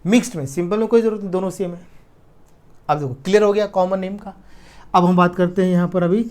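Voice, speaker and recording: A middle-aged man with an Indian accent teaching chemistry in a classroom lecture, mixing in English terms and slowly repeating key words as he writes them on the board. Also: high-pitched, steady tone, darkish tone. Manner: explains patiently, repeats key terms slowly while writing.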